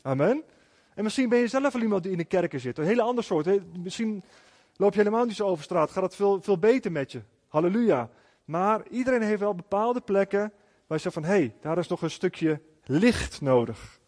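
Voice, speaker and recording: A man's voice: high voice, lively intonation, fairly quick, a little mellow, big-room sound. A man preaching a sermon as a pastor, telling a personal story in an earnest way with frequent restarts.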